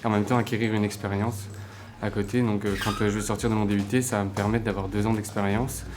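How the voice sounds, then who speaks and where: Low, flat-voiced young man. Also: quick pace, noisy background. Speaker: work-study student. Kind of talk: testimonial interview.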